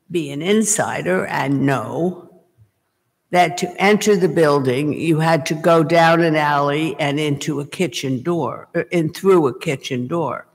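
An older woman preaching a sermon from a church pulpit, telling a story at a deliberate pace. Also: sits low. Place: small church, indoors, at a pulpit. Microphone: gooseneck pulpit mic. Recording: long church reverb. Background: reverberant church hall.

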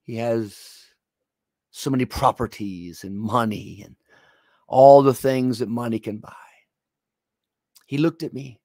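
A man's voice: medium pitch, slow, pauses often, a little mellow, dry recording, studio quality. A man preaching a televised sermon, speaking straight to the viewer in an earnest, pleading way.

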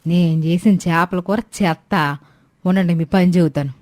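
A woman voicing a bossy, sharp-tongued older mother-in-law in a cartoon story, grumbling and scolding. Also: fairly low pitch, fairly even intonation, normal speed, no room sound, lightly acted.

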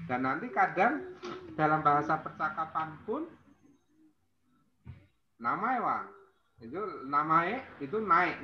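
Patient man teaching a language class. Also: mid-range voice. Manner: patient, explains slowly with many fillers. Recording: muffled roomy audio with faint noise.

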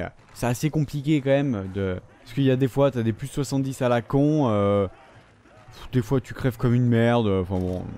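A man giving live commentary over his gameplay, ranting and swearing in frustration, then talking himself back into calm. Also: mid-range voice. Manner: profane, frustrated ranting that swings between outbursts and calming himself. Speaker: gamer recording his gameplay.

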